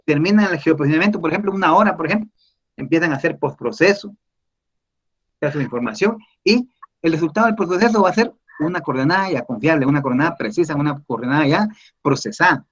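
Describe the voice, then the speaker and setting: A man teaching surveying in an online class, explaining slowly and patiently over a video call. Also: fairly high pitch, lively intonation, fairly bright tone, slightly rough, dull audio. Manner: slow, explanatory, addresses listeners as "mis estimados". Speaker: surveying instructor answering questions.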